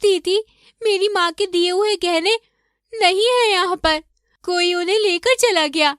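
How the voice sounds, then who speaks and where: A gentle, downtrodden young wife in a cartoon story, voiced by a woman, pleading softly and giving in. Her voice is very high and sounds dry and close. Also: a little slow, no echo. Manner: pleading, submissive. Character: meek poor young daughter-in-law. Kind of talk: animated story voice acting.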